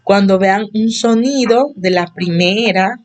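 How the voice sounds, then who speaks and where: A woman's voice: medium pitch, slow. A woman teaching a basic English lesson in Spanish, patiently explaining and repeating examples for her students. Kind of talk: slow explanatory online lesson.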